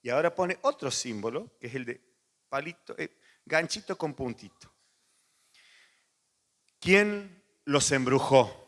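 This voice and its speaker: A man, a pastor preaching a sermon, animated and moving between loud emphasis and soft asides. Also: mid-range voice, normal speed. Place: church hall. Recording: long church reverb.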